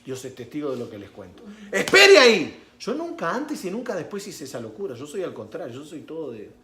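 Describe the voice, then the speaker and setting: A male pastor preaching a sermon, telling a story that swings between hushed and loud. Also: fairly high pitch, sing-song, fast talker, roomy sound. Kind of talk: sermon with personal testimony.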